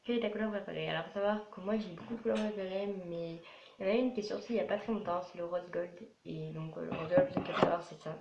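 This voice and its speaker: This young vlogger, a French girl aged twelve, talks fast and meanders repetitively through a casual camera FAQ. Her voice is gravelly and fairly low-pitched, and the audio sounds dull, echoey and slightly noisy.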